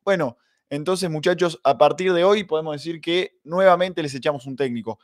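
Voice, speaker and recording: A man's voice: on the high side, a little fast. A young Argentine man hosting a live football reaction stream, chatting and reading the chat aloud. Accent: Argentine Spanish. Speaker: streamer and host.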